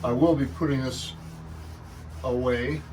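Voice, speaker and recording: A man's voice: medium pitch, steady tone, a little slow. American man talking over outdoor traffic noise. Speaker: garden vlogger. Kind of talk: casual garden walk-through vlog. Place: outdoors in a home garden. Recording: noisy outdoor recording with traffic. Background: traffic and outdoor ambience.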